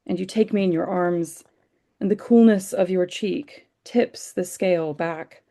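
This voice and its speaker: Woman reading a poem, raspy fry in her voice, dark mellow sound. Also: on the low side. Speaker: poet. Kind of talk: poetry reading.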